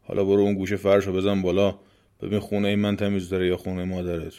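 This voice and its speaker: A man voicing a hushed, gruff demon. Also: low voice, completely flat delivery. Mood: calm. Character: gruff male demon in a well.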